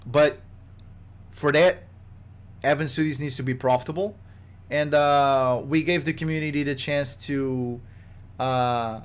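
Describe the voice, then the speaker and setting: Speaking in a mid-range voice, a game developer rambles through a casual podcast update, stumbling over fillers and restarts. Rumors clearly exasperate him.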